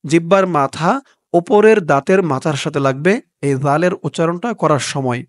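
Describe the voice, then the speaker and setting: A man giving a step-by-step recitation lesson, patiently spelling out sounds letter by letter and chanting the words slowly and drawn out. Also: a little high, dry recording, clean studio sound. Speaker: religious teacher.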